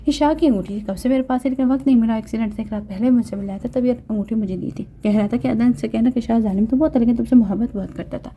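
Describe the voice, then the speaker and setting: A woman voicing a mourning young woman who speaks softly and tearfully. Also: a little high, few pauses, dull audio, slight background noise, lightly acted.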